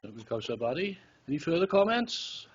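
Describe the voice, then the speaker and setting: A Welsh mayor chairs the meeting with brief, formal lines. His husky voice sounds off-mic and dull. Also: a little high, very animated, fairly quick. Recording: distant dull chamber mic.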